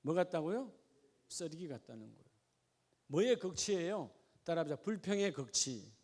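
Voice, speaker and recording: Male pastor, high voice, lively question-and-answer sermon style. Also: moderate pace. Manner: lively preaching, asks the congregation questions. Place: church.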